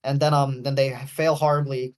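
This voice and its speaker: A man's voice: mid-range voice, flat delivery, moderate pace. A man co-hosting a podcast, chatting casually about a movie, rambling with lots of fillers and restarts. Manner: rambling, heavy on fillers, self-correcting. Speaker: podcast co-host.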